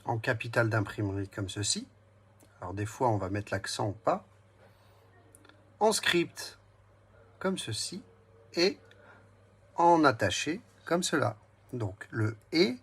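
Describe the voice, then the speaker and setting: A man giving a slow, patient reading lesson to a young child and spelling words out syllable by syllable. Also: mid-range voice, breathy edge. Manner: speaks slowly, splits words into syllables.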